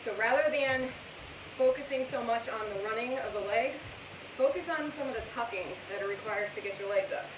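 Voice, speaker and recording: A woman with a fairly high voice leads a workout, exerting herself as she gives cues and motivating countdowns. She is some way from the mic in a very echoey room, with clear hiss over the recording. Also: brisk, distant mic. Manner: exerting herself while talking through the exercises. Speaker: fitness instructor leading a home workout class. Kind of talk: live workout coaching.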